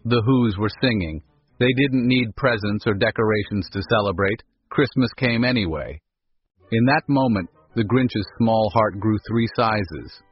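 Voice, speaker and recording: Low husky male storybook narrator. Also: measured pace. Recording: dull lo-fi with faint music.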